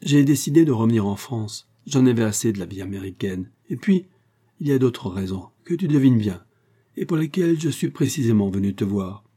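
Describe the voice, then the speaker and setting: A man's voice: mid-range voice, expressive, brisk, warm tone, husky. A man voicing a composed, kindly inventor in an audiobook. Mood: calm. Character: calm, amused middle-aged male inventor.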